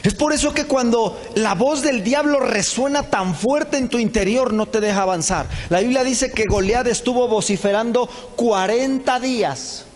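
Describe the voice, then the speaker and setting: A pastor, preaching a sermon live and animatedly acting out Bible characters in quick dialogue. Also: male voice, very high-pitched. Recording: live church hall with reverb and faint ambience.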